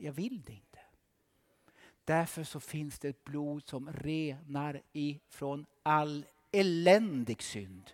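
Animated, high-pitched man preaching. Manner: dramatic, swings from loud shouts to hushed whispers, acts out voices. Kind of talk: animated sermon.

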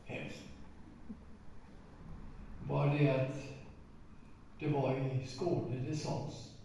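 A man in his nineties telling a story in a sermon, emphatic and slowing down for weight. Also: medium pitch, little pitch movement, gravelly, mellow. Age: 90s. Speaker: preacher. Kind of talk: sermon testimony. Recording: echoey hall, distant mic, faint noise.

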